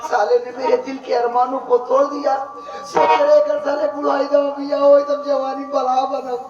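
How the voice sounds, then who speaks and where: A man playing a comic rustic male servant who talks in dialect, excitable and loud. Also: extremely high pitch, normal speed. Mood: complaining. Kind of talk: folk stage comedy. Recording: echoey, distant, dull stage recording with loud music.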